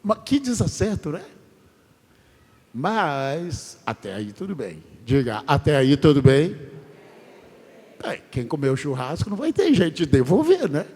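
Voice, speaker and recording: A pastor preaching a sermon in a church, telling stories with drawn-out, emphatic phrases. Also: male voice, medium pitch, darkish tone, slightly rough. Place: large church. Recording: long church reverb.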